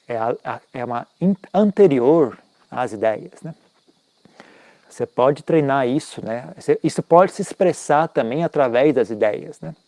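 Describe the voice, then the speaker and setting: A man's voice: mid-range voice, creaky, warm tone, dry recording. A man teaching Buddhism in an informal, conversational talk, often tagging his sentences with questions and making self-mocking asides.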